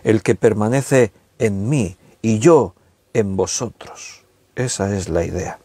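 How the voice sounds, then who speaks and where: A man from preaching a sermon at home in a conversational way, slowing down to stretch key words. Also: lowish voice, dark tone, breathy edge, no room sound. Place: recorded at home with a tablet.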